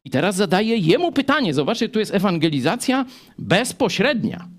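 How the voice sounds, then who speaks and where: Animated male preacher, lively pitch. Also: a little fast. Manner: animated, chatty, rhetorical asides. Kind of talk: Bible study sermon.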